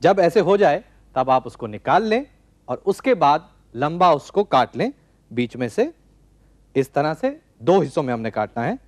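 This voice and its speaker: Man in his forties, TV cooking host, calm step-by-step instructions, studio kitchen, lapel mic, dry sound. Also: a little high, normal speed, no room sound. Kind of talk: cooking demonstration.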